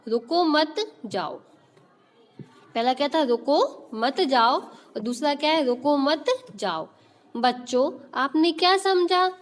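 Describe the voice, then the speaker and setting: A woman's voice: high-pitched, long reverb tail. A woman teacher, teaching an online class and quizzing children with repeated questions as she explains. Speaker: school teacher.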